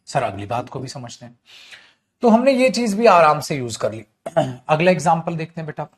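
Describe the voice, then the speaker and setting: A man's voice: a little high, sing-song, moderate pace. A man teaching an English grammar class online, scolding and teasing his students as he explains.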